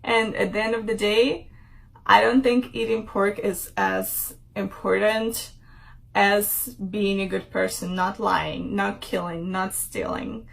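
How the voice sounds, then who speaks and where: A woman's voice: mid-range voice, steady tone, takes it slowly, creaky. A young woman from Ukraine talking casually to her channel in a rambling vlog, with frequent fillers and laughter. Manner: chatty, rambling, laughs often, many fillers. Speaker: vlogger.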